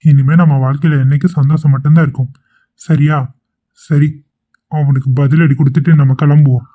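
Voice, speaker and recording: A man's voice: on the high side, level tone, brisk, natural voice. A man voicing a confident, protective young husband in a cartoon. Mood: reassuring. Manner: bossy, confident. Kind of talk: cartoon voice acting. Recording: tinny phone-like sound.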